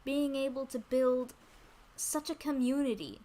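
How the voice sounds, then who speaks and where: A woman chatting casually on a livestream in a cute anime-streamer manner, gushing and excitable, repeating phrases for emphasis. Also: high voice, unhurried. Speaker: VTuber streamer introducing themself. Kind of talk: casual livestream chat about games.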